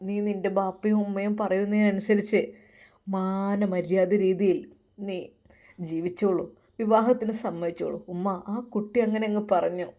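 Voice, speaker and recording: An earnest, resentful young man telling his mother what happened, as a woman storyteller voices him. The tone stays mellow, in a Malappuram Malayalam accent. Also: medium pitch, fairly even intonation, moderate pace, lightly acted. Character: hurt determined young man.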